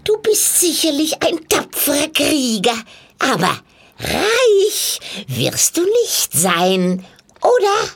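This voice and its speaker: A woman voicing an ugly, sly old witch with a croaking voice, in a cackling, drawn-out sing-song. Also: high voice, wildly swooping pitch, pitched above the performer's own voice, full character voice. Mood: coaxing. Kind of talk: storybook reading.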